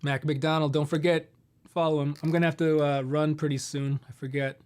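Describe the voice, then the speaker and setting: Relaxed rambling man on a live stream. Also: on the high side, a little fast, clear, resonant tone. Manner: relaxed, rambling, answers viewer questions with fillers. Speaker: host of a live guitar Q&A stream. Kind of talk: casual live-stream chat.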